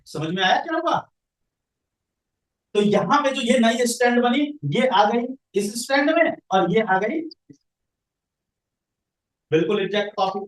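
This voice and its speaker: A male science teacher lecturing a classroom, quizzing students and answering his own questions. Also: extremely high pitch. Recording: echoey room, voice from far off the mic.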